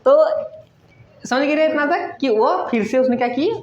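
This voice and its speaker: A woman's voice: high voice, moderate pace, darkish tone. A woman teacher explaining a poem to her class, often checking whether they follow and answering her own questions. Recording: echoey, dull lo-fi room recording with faint noise.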